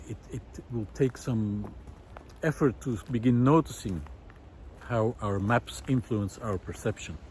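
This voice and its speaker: A visual artist turned ecology project host speaks in a fairly low, mellow voice, giving an unscripted, reflective monologue. He sounds thoughtful and hesitant as he searches for words, with a little hiss or hum in the audio.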